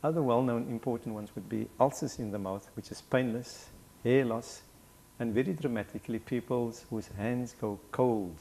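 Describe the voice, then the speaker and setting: Gravelly doctor, measured. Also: male voice, medium pitch, dark tone. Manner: measured, explanatory. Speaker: doctor guest. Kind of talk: studio talk-show interview.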